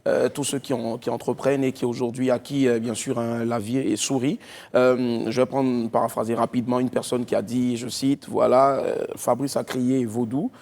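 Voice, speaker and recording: A man hosting a TV talk show, introducing and interviewing a guest with lively, emphatic delivery and bursts of cheering. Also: mid-range voice, moderate pace. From West Africa.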